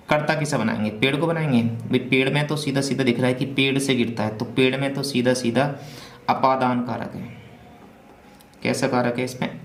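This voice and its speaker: A man's voice: mid-range voice, creaky. A man teaching a Hindi grammar revision class, asking questions and answering them himself. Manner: asks and answers his own questions. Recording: echoey room with faint hum.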